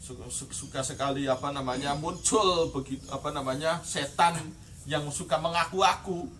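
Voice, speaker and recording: A man's voice: fairly high pitch, normal speed, a bit bright, distant mic, a little hiss or hum. A man with a Javanese accent teaching from a classical Islamic text, reading the Arabic, glossing it word by word in Javanese and then explaining it in Indonesian. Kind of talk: traditional pesantren kitab recitation and explanation.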